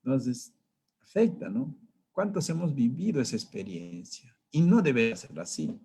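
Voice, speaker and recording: A man leads a training session in a relaxed, conversational way. He keeps checking in with his listeners through rhetorical questions. Every so often he acts out an angry driver shouting. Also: medium pitch, unhurried, vocal fry, husky. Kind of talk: training talk.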